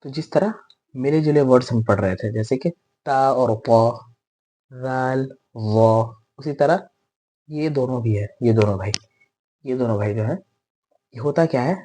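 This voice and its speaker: Male teacher, husky voice, patient step-by-step pronunciation lesson with slow repeated drills. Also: medium pitch, mellow. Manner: patient, repeats letter sounds slowly for students to copy. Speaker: Tajweed teacher.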